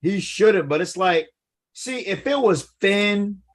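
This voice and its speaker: A man co-hosting a podcast, talking casually and excitedly about wrestling, with many filler words. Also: high-pitched, takes it slowly. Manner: animated, lots of "like" fillers. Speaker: podcast co-host.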